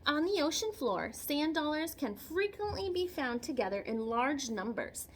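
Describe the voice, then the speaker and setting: A woman teacher gives a read-aloud lesson, expressively reading a picture book to children with chatty, simple asides, repetition and questions. Her voice is on the high side, with slight background noise.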